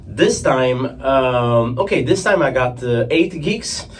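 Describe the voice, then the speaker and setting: A man's voice: mid-range voice, expressive, slow. A middle-aged Italian man with an Italian accent, a sound engineer speaking English as a guest in a casual interview, rambling and correcting himself as he goes. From Italy. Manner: rambling, self-correcting, laughs easily. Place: rehearsal studio. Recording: slightly distant mic with faint room noise.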